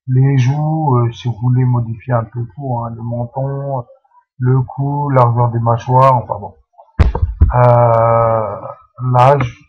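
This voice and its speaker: A man talks viewers through a game in a casual, unscripted way, stopping and restarting often. His delivery is slow and unhurried. The recording sounds dull and lo-fi. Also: medium pitch, husky. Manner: hesitant, full of fillers and restarts. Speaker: channel host explaining a game.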